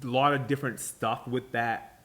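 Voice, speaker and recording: A man's voice: mid-range voice, fairly even intonation, measured pace, fairly bright tone. A man hosting a casual chat, coaching his co-host on acting, with many fillers and restarts.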